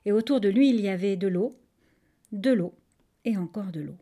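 A woman's voice: medium pitch, normal speed. A woman narrating a children's tale expressively, speaking straight to her listeners. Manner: expressive, addresses listeners directly. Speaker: storyteller.

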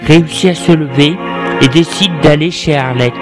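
A man narrating a story in a measured, deliberate way. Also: fairly high pitch, over loud music. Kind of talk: spoken storytelling.

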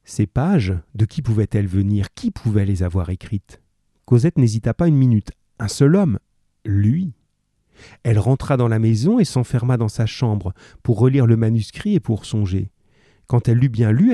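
Deep mellow male teacher. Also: no room sound, clean studio sound. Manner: slow, measured reading; lively and encouraging with pupils. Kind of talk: literary reading and radio class.

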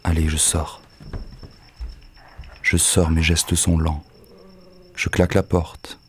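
A bitter, crude lovesick poet. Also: male voice, very deep voice, level tone, slow pace, slight background noise. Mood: brooding, weary. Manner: gruff, curt and crude; drifts into hushed, half-whispered passages. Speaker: actor in an audio drama. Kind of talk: poetic audio-drama monologue.

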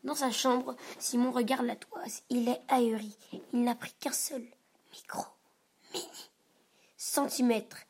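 Lady reading a kids' picture book, expressive, fairly high voice. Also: unhurried, a little hiss or hum. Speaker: reader. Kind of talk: children's story read-aloud.

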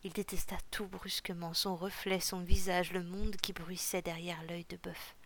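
A woman narrating a novel chapter in a calm, measured, often half-whispered way. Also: on the low side. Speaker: audiobook narrator. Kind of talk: scripted narration.

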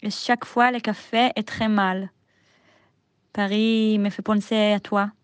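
A young woman with a heavy Israeli accent, speaking careful, halting learner's French in a spoken video letter to her grandmother. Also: mid-range voice, fairly even intonation, clear, resonant tone, dry recording.

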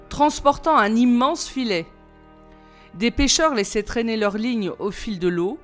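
A woman reading a children's novel aloud in a measured, expressive way. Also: fairly high pitch. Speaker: reader.

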